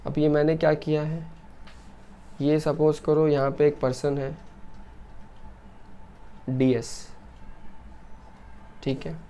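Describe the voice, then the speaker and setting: A man giving a recorded lecture, asking and answering his own questions and slowing down to dictate definitions. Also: on the high side, flat delivery, mellow, a little hiss or hum. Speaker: teacher.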